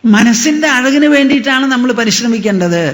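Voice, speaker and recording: High-voiced man preaching in a reverberant hall. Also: lively intonation, fairly bright tone. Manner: chants verses slowly, repeats phrases for emphasis; mixes in English explanations. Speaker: spiritual teacher. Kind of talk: devotional discourse.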